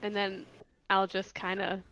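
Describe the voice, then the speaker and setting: A woman player in a tabletop game, expressive and casual, swearing and saying y'all. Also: medium pitch, a little slow, dull audio, slight background noise.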